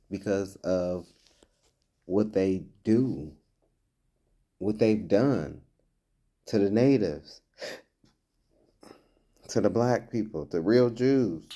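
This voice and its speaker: A man's voice: lowish voice, darkish tone. A man giving blunt, emphatic commentary in a vlog, reading old scripture passages and then explaining them in plain talk.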